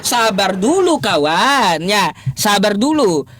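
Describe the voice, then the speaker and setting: During a live-streamed religious debate, a very animated man with a high-pitched voice fires off mocking, repeated rhetorical questions while laughing. He pauses and restarts often as he fumbles with his laptop, and background noise is audible.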